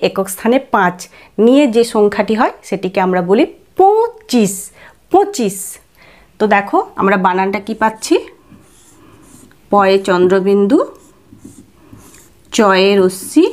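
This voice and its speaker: A middle-aged woman teacher giving a grammar lesson, spelling words out slowly and repeating each one to check that her pupils follow. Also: fairly high pitch, darkish tone. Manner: slow, drawn-out, repeating each word; asks "ঠিক আছে?" to check understanding.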